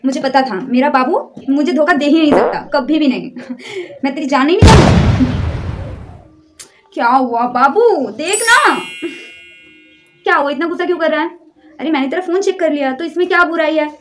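A young woman with a high, light voice delivers a one-sided comedy sketch, nagging and scolding an unseen boyfriend like a suspicious girlfriend. Loud background music plays under her voice throughout. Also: fairly quick, long pauses. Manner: nagging, suspicious, switching between scolding and pleading.

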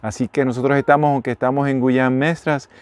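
A middle-aged vlogger from Puerto Rico, speaking with a Puerto Rican accent, chats casually to his phone camera, held at arm's length inside the small room of a motorhome. He rambles and corrects himself as he goes. His mid-range voice stays level in tone, moves fairly quickly, and sounds clean.

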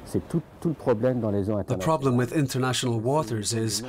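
A man's voice: medium pitch, slow pace, darkish tone, a little hiss or hum. A man reading a translated interview answer as a voice-over. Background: other voices murmuring underneath.

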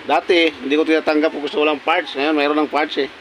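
A man's voice: a little high, flat delivery, quick pace, a bit bright, a little hiss or hum, rough recording. A repair technician talking casually through fixing a pressure washer pump at his workbench, pointing out parts in short remarks. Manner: talks while working, many short pointing remarks. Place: workshop bench.

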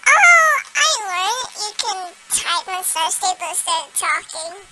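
A woman's voice: very high voice, sing-song, takes it slowly, pushed and bright, voice pushed up, full character voice. A woman voicing a childish, naive young girl who asks simple, wide-eyed questions. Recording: faint background noise.

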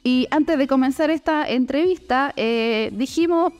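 A Chilean woman in her forties, a journalist hosting a relaxed studio interview, talking in a friendly way with frequent laughs and fillers into a boom mic. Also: measured pace, highs cut off, faint music behind. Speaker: podcast host, journalist. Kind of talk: casual conversational interview. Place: podcast studio office, indoors.

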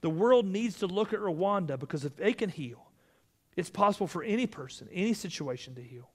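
A male pastor giving an earnest, measured sermon in church, with occasional restarts. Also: high voice, animated.

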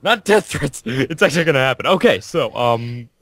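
Male co-host, mid pitch, lively and jokey, dry close recording. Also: moderate pace, gravelly, no room sound. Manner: joking, with frequent fillers and laughs. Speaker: podcast co-host. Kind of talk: casual podcast chat.

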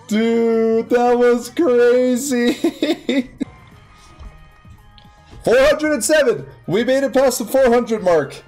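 A young man giving casual, excitable commentary while playing a video game, yelping and squealing at his wins. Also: high voice. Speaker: gaming YouTuber. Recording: faint music behind.

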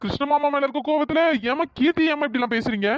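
An earnest young cartoon man, voiced by a performer protests quickly and urgently. His voice sits high. The recording is dry and dull, slightly lo-fi. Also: no echo, natural voice. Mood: protesting.

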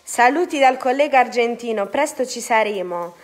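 A woman's voice: a little high, lively intonation, normal speed. A woman casually chatting on a live stream from a salon, reading out viewers' comments as the host's helper. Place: indoor hair salon.

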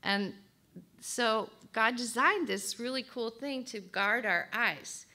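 A woman teaching a sermon at a conference, checking in with her listeners and reading song words softly. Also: fairly high pitch. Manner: slow, warm teaching with audience prompts; reads song lyrics softly. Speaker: speaker at a women's conference.

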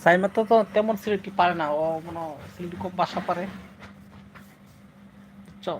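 A man's voice: sits high, normal speed, noisy background. A man chatting casually on a live stream, answering viewers' comments and playfully slipping into dialect phrases.

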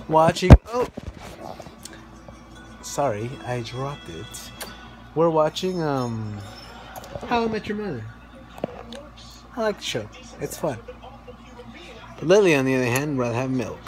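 Home vlog parent, playful baby talk, sing-song swooping voice, unhurried. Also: mid-range voice, big pitch swings, music in the background. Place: home living room.

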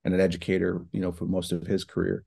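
Joining a casual online interview by laptop video call, this guest is a middle-aged foundation president from New Hampshire and Ohio, United States, speaking from his home office. His voice is deep, warm and slightly rough with vocal fry, delivered in a fast monotone. He talks casually and thoughtfully, full of fillers and restarts.

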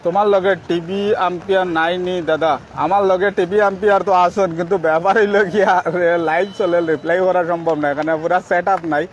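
A man with a high-pitched voice and a Sylheti accent gives live football commentary from outdoors. He switches between casual chat with viewers and excited, drawn-out calls of the play. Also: dull audio. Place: outdoors by a roadside at a football ground.

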